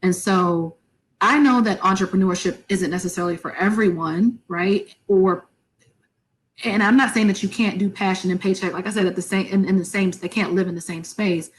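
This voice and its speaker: A woman's voice: mid-range voice, moderate pace, low-quality recording. A woman in her thirties on a podcast, reflecting and thinking aloud with some restarts. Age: 30s. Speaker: podcast co-host. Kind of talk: casual podcast chat.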